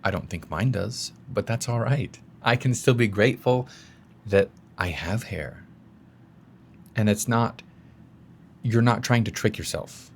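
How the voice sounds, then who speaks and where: Low-voiced man coaching casually. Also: measured pace, long pauses, slight background noise. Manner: conversational, guides listener through exercises, occasional swearing. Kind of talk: casual spoken self-help talk.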